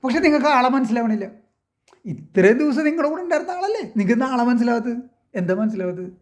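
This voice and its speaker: High-voiced man spinning rhetorical questions. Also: sing-song, fast talker. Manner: rhetorical, keeps asking if listeners understand; storytelling, poses and answers his own questions. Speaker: online commentator. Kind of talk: casual monologue addressing viewers.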